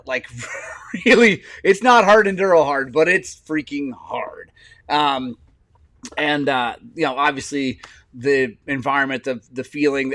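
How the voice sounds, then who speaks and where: A man's voice: medium pitch, a bit bright, dry recording. A man in his forties, a podcast co-host, telling rambling stories in casual chat and laughing often. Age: 40s.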